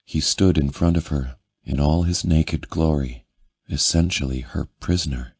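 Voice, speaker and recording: A man narrating a romance audiobook in a slow, unhurried, intimate read. His voice sits extremely low and has a husky grain. The recording is close and dry. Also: a little mellow, no room sound. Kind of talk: scripted narration.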